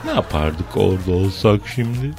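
A man's voice: low-pitched, lively intonation, normal speed, a little mellow, faint music behind. A man hosting a morning radio show, chatting casually and telling long comic anecdotes. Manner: jokey storyteller, spins long anecdotes.

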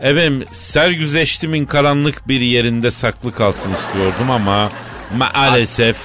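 A man hosting a comedy radio show, telling a story in a theatrical, slangy way that swings between mock sorrow and excitement. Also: medium pitch, a little slow, faint music behind. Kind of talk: comic storytelling in a radio sketch.

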